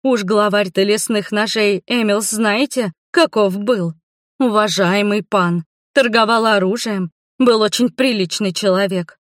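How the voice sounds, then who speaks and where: A woman's voice: mid-range voice, a little slow, dry recording, studio quality, lightly acted. Woman doing a gushing gossipy townswoman. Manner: gushing, exclaiming, dramatic. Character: chatty kindly older townswoman gossiping.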